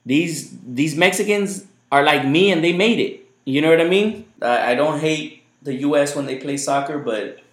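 A man with a fairly high voice talks at a normal speed while hosting a casual podcast chat, rambling loosely and repeating himself. He's from the United States, Spanish was his first language, and the room sounds echoey.

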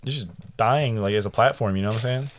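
A man's voice: fairly low pitch, fast, a little hiss or hum. A young American man chatting casually as a podcast guest, with a sweary frat-bro manner full of slang. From Florida, United States. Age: young adult.

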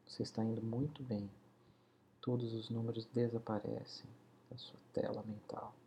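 A man slowly guiding a hypnosis session, counting down in a soothing voice that often sinks to a whisper. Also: fairly low pitch, flat delivery, mellow, a little hiss or hum. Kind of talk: guided hypnosis induction.

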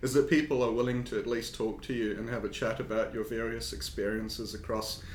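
A South African man, a consulting engineer appearing as a podcast guest, talks fairly quickly with fairly even intonation. His manner is casual and hesitant, full of fillers and restarts. The room is echoey, with a faint rumble underneath.

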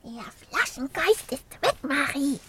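A woman voicing a small, excitable boy dragon in a children's story, hissing and stammering when agitated. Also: high voice, slow pace, full character voice. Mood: worried. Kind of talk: children's audiobook reading.

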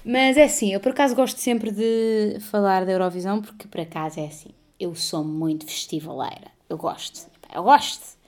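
A woman in her thirties with a European Portuguese accent, hosting a casual podcast chat as a lively storyteller who swears freely. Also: medium pitch, moderate pace. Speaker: podcast host.

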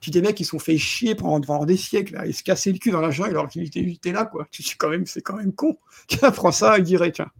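Husky man rambling over films. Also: high voice, quick pace, dry recording. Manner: stumbling, repeats words often, chuckles while talking. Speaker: podcast co-host reviewing films. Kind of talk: casual film review chat.

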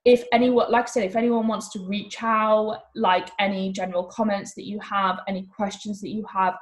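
A woman hosting a casual solo fitness podcast, talking in a relaxed way with frequent ums. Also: fairly low pitch, poor audio. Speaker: podcast host and fitness coach.

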